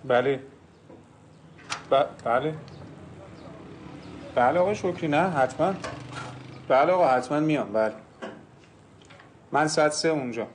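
A man's voice: mid-range voice, slight background noise, lightly acted. An actor playing a frustrated man short of money who is selling property, pressing and sarcastic. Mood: polite phone call. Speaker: property seller.

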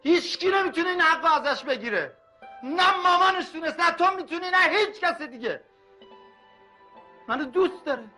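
A man's voice: medium pitch, sing-song. A volatile addicted father. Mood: furious. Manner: shifts from soft coaxing to shouting. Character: man, addicted father, tender then explosive. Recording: music playing under the dialogue.

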